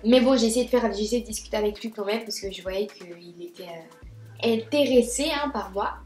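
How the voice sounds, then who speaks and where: A young woman telling a storytime vlog in a chatty, animated way, full of fillers and restarts. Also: medium pitch, normal speed, faint music behind. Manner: chatty and animated, many fillers and restarts, acts out her own quoted lines. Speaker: beauty vlogger telling a story. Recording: echoey room.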